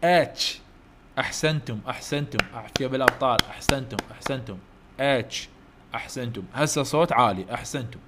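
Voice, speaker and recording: A man with an Iraqi Arabic accent, teaching English letters to children online, coaxing loud repetition and heaping praise. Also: medium pitch, quick pace, very noisy. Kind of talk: online letter-drill lesson.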